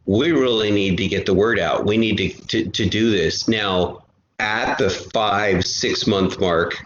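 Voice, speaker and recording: In a relaxed interview, a podcast guest who creates audio dramas speaks unhurriedly in a lower, fairly bright voice, chatting freely and often restating his points. The recording is roomy and echoey, lo-fi and dull, with faint noise.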